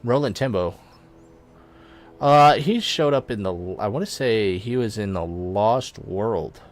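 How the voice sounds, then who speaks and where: A man's voice: fairly low pitch, expressive, slow pace. Offhand, rambling male gamer voice. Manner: rambling and offhand, with many fillers and self-corrections. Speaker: gaming YouTuber. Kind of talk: casual let's play commentary.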